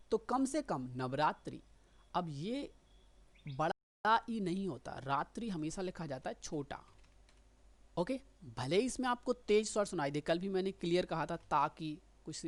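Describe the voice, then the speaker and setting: A woman teaching shorthand, explaining patiently and often checking that listeners follow. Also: low-pitched. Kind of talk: explanatory lesson.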